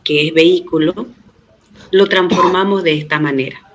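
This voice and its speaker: A man's voice: high-pitched, fairly even intonation, moderate pace, fairly bright tone, dull audio. A middle-aged man giving a recorded database lecture, explaining step by step. He often checks in with the students and says 'este' as a filler. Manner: patient step-by-step explaining, with frequent tag questions to students; uses 'este' as a filler and often restarts words. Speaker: database teacher.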